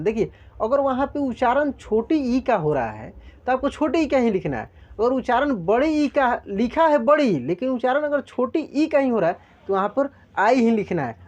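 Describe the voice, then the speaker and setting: A man's voice: very high voice, darkish tone. A man teaching a spelling lesson, patiently breaking words into sounds step by step. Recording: dull lo-fi sound.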